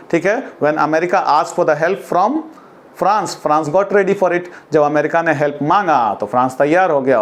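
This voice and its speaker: A man with a slightly higher voice teaches a class, moving between brisk Hindi explanation and slow, deliberate English sentences. He calls his students "beta", asks rhetorical questions and spells out words to get the pronunciation right. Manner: explains in Hindi, then reads English lines slowly and deliberately.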